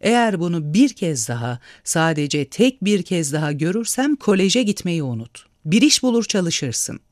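A domineering old grande dame barks orders and heaps scorn in clipped, imperious bursts, put on by a male storyteller. The pitch swings widely, and the voice sits dry and close. It has the feel of a spoken storybook. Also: big pitch swings, moderate pace, no echo. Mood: scornful tirade. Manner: scolding, commanding, scornful. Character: imperious, sharp-tongued rich old woman.

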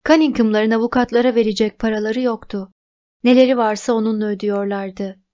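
A woman reading a novel aloud as audiobook narrator, in an even, measured way. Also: fairly high pitch. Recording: dull lo-fi recording.

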